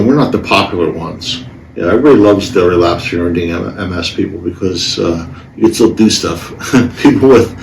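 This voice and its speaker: A middle-aged man hosting a casual podcast, talking bluntly and haltingly, with half his face numb. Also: fairly low pitch. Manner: halting, hesitant, blunt and profane. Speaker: podcast host. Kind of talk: casual solo podcast talk, personal storytelling. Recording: roomy, distant mic with faint noise.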